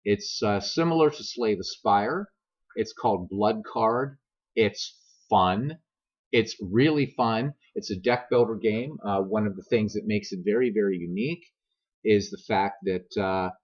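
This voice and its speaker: Male gaming streamer, American accent, lowish voice, rambling and self-deprecating, dull laptop-mic sound. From grew up many years in America; also Irish. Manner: self-deprecating, joking, digressive. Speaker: streamer and gaming video host. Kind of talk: casual rambling chat to viewers.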